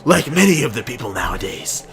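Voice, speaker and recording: Animated man reading a game aloud. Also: mid-range voice, brisk, creaky, crowd noise. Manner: stumbling, mock-dramatic reading broken by laughter and swearing. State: voice strained. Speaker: gamer reading a visual novel aloud. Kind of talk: comedic let's-play reading.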